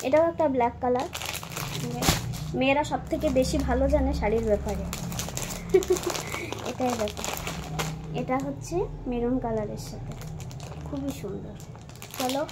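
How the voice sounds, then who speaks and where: A woman casually showing off sarees for sale, talking to her viewers in a soft, repetitive way about how soft the fabric is. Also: high voice, noisy background. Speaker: saree seller. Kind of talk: casual product showcase.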